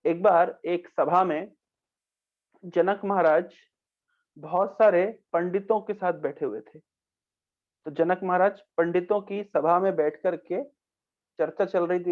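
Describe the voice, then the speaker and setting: A man teaching a scripture lesson, telling a story in repeated phrases, with quoted dialogue and chanted verses. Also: high voice. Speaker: spiritual teacher. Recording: tinny phone-like recording.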